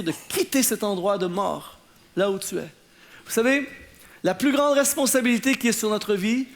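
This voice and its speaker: A man, a pastor preaching to a live audience and acting out the people in his anecdotes. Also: sits high. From Canada. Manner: animated storytelling, acting out the people in his stories. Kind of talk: sermon. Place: church in front of an audience, laughter heard.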